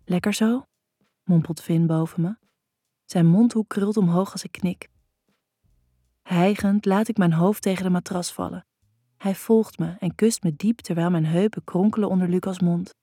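A woman reading a first-person story aloud in a slow, intimate audiobook narration. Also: fairly low pitch, steady tone, mellow, slightly rough, dry recording, clean studio sound.

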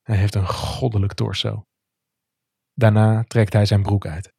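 Low, mellow man reading an intimate story. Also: level tone, gravelly, breathy edge, no room sound, clean studio sound. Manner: soft, intimate, measured reading. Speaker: narrator. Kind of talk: first-person romantic story narration.

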